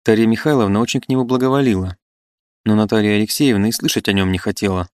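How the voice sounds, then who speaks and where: A man's voice: lowish voice, fast talker, smooth, no echo, clean studio sound, close to an everyday voice. A man doing a modest, deferential young tutor. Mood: polite. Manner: courteous, deferential.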